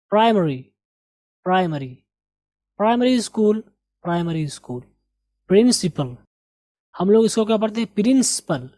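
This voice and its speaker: A man teaching an English lesson, patiently repeating words and sentences slowly for pronunciation practice. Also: sits high, darkish tone, no echo. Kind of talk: recorded language lesson.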